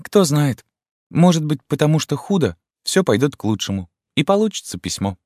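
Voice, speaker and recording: A man reading an audiobook voices a sad young woman telling a dream, in a soft, wistful manner. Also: on the high side, big pitch swings, normal speed, dry recording, clean studio sound, voice pushed up. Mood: hopeful.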